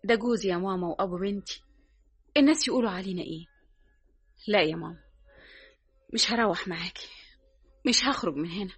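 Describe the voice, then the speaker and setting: An actress playing a loyal Egyptian wife in a radio drama, with an Egyptian Arabic accent. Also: female voice, medium pitch, fast, pauses often, slightly rough, no echo, lightly acted. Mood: devoted. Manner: pleading, soothing. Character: loyal devoted young wife Zeinat. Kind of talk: 1960s radio drama acting.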